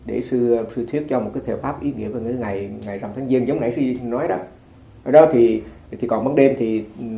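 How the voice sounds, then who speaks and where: A man's voice: medium pitch, warm tone. A man giving an informal dharma talk as a Buddhist monk, telling stories in a chatty way with many restarts. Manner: chatty storytelling with frequent restarts and light laughter. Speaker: Buddhist monk teaching a congregation. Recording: echoey room.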